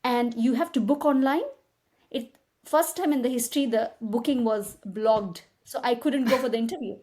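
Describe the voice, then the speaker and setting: Woman, Indian accent, Tamil native speaker, interview guest, storytelling, animated, higher voice. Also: normal speed. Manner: animated, tag questions and quoted dialogue. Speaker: guest, migration agent.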